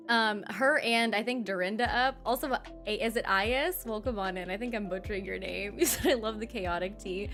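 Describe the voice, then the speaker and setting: A young woman streamer in casual, animated chat, reading her live chat aloud and laughing often. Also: on the high side.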